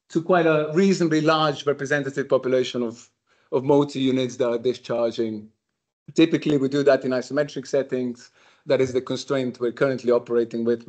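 A man in his thirties, originally from Slovenia, delivers a scientific lecture to a summer school audience. His voice sits at a middle pitch, and he talks in a loose, conversational way, often pausing with "um" and restarting his sentences. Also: darkish tone. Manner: conversational, frequent ums and restarts. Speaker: university researcher giving a lecture. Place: lecture room.

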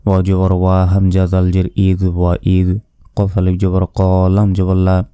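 Deep steady guy spelling out quran letters one by one, very slow, dark mellow voice. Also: clear, resonant tone, no echo, studio quality. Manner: slow, measured letter-by-letter spelling with drawn-out recitation. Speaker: Quran reading teacher. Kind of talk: spelling out and slowly reciting Quran verses.

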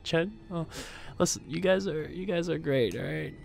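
A man's voice: fairly high pitch, moderate pace, creaky, a little mellow. A man hosting a horror game playthrough in jumpy, self-mocking, swearing chatter. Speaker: gaming video host. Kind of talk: casual horror game let's play. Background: faint game music.

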